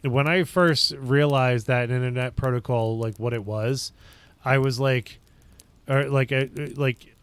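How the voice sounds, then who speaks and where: A man's voice: medium pitch, steady tone, measured pace, clean tone, dry recording. A man from upstate New York hosting a casual livestream, chatting with viewers and thinking aloud in loose, rambling sentences. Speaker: livestream host.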